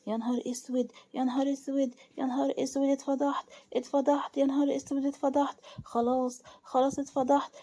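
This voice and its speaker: A woman's voice: a little high, flat delivery, fast talker, dark tone, lightly acted. A woman with an Egyptian accent voicing a shocked young woman sobbing out breathless, repeated cries. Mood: panicked. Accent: Egyptian Arabic.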